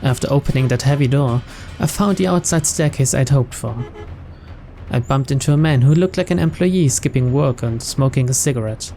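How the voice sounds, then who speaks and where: A video game let's player reads a visual novel's narration aloud in English like a storyteller as he plays. His voice is medium-pitched and mellow at a moderate pace, with faint music behind it.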